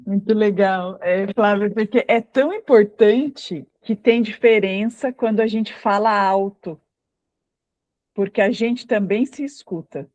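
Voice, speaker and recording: A woman's voice: mid-range voice, unhurried, a little mellow, no echo, muffled recording. A woman hosting a book club video call, guiding the group to a close in a friendly way.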